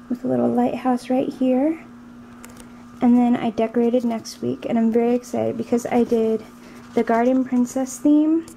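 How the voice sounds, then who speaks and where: A woman's voice: fairly high pitch, gravelly, mellow, slight background noise, rough recording. Chatty young woman showing off hauls. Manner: chatty, gushing, filler-heavy with "like". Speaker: beauty and planner vlogger. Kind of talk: casual show-and-tell vlog. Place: at home indoors.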